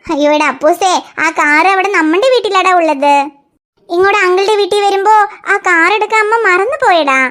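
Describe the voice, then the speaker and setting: In a cartoon scene, a woman plays a young mother fretfully sing-songing to calm her crying toddler, her mood coaxing throughout. She speaks briskly in a very high-pitched, fairly bright voice.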